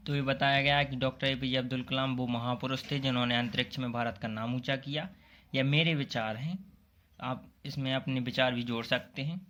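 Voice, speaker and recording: A man's voice: medium pitch, fairly even intonation, a little fast, sharp tone. A man going through exam questions one by one, explaining the answers in plain, casual talk and speaking directly to students. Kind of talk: casual exam-prep lesson.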